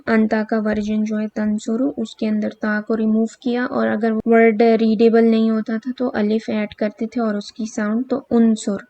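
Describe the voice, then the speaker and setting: Slow-drilling woman teacher, gravelly voice. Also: a little high, mellow, dry recording. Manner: patient, drilling verb forms slowly. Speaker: Arabic grammar teacher. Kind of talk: recorded lesson, slow recitation drills. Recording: dull, lo-fi, dry.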